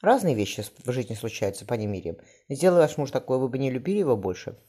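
A man reading the lines of a gentle young woman who comforts and consoles, in a soft voice. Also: mid-range voice, very animated, fast, breathy edge. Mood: consoling. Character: gentle young woman midwife, tender and steady.

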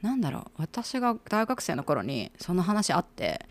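A woman's voice: lowish voice, big pitch swings, normal speed. A woman co-hosting a casual chat, teasing and questioning with frequent nods. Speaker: podcast co-host.

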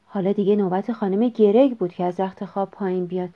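A woman reading a children's story aloud in an expressive, measured way. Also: mid-range voice. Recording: dull lo-fi recording.

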